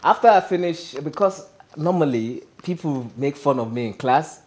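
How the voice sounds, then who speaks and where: On a TV studio set, a stand-up comedian with a Nigerian accent talks casually as an interview guest, his voice a little high and his pace moderate. He gestures plenty, stays animated, and throws in "you understand?"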